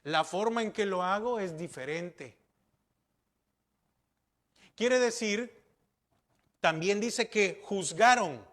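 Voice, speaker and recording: A man's voice: high voice, slow pace, long pauses, a bit bright. A man pastor preaching a sermon, asking rhetorical questions and repeating key words for emphasis.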